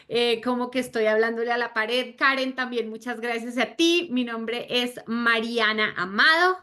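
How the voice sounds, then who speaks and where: A woman in her thirties from Argentina runs an online sales training over a video call, friendly and chatty with lots of fillers. Her voice sits on the high side, bright and forceful.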